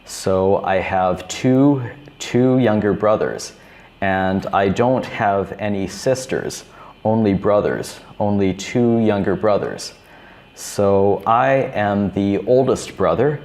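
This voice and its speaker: A man in his thirties teaching beginner English, repeating each simple phrase slowly and clearly. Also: fairly low pitch, a little mellow. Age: 30s. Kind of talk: slow, repetitive teaching for beginners.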